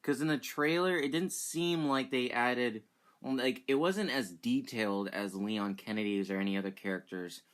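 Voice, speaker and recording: A young man giving casual commentary as he reacts to a game demo, excitable and breaking into sudden exclamations. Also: medium pitch, normal speed. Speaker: gaming YouTuber reacting to a demo.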